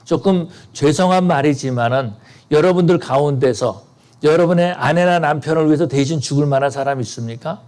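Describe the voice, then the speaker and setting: A man's voice: fairly high pitch, a little mellow. A man preaching a sermon as pastor, earnest and rising to fervent appeals to the congregation.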